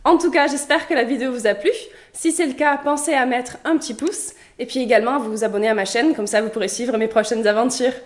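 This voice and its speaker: Young woman, slightly high, chatty, casual vlog. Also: fast talker, hardly any pauses. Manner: lively, chatty storytelling. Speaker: vlogger.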